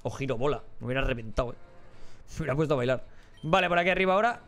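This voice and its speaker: A man's voice: medium pitch, lively intonation, racing, fairly bright tone. A man giving casual, rambling gameplay commentary as a let's play host, joking and swearing casually.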